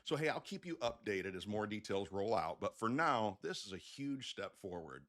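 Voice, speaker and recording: Speaking to camera like a loan officer updating clients, a man hosts a mortgage update video in a casual, conversational style full of folksy phrasing. His lowish, slightly bright voice moves at a moderate pace with big swings in pitch.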